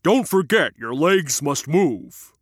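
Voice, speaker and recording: A man playing a hurried woodcutter father, speaking in slow, hesitant bits with a dry, close sound. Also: a little high, big pitch swings, husky, no echo, full character voice. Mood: brusque. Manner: slow, drawn-out, hesitant delivery.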